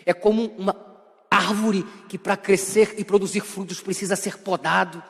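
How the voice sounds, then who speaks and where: A young pastor preaches with a strikingly high voice, pressing his points hard and breaking into shouts. His sermon rings with the long reverb of a church hall. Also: steady tone, normal speed. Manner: emphatic, dramatic preaching with bursts of shouting.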